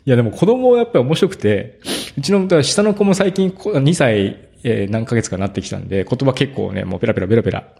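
A man in his thirties chatting casually as a podcast co-host, telling stories in a relaxed way and growing animated when amused. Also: mid-range voice, fast, gravelly, hardly any pauses, husky. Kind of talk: casual chat.

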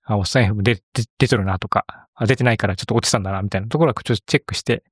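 Fast-talking middle-aged podcast host. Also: male voice, fairly low pitch, slightly rough, dry recording, studio quality. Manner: brisk, chatty announcements. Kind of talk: casual podcast chat.

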